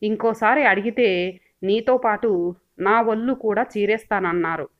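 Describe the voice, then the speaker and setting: A woman's voice: mid-range voice, a little slow, lightly acted. A woman voicing a timid, middle-aged village mother who talks in a hesitant, mildly scolding way, heard on a dull lo-fi recording.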